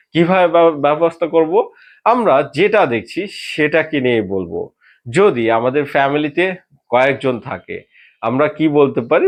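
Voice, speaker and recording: A man teaching an English grammar lesson, posing questions to himself and answering them, then drilling example sentences slowly. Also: mid-range voice.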